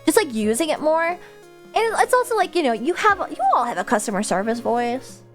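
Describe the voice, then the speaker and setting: A young woman VTuber chatting casually with her livestream viewers in a cute, playful, animated anime-streamer manner, talking nonstop. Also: sits high, a little fast. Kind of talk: casual livestream chat, reading and answering viewers' messages. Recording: music playing behind the voice. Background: music.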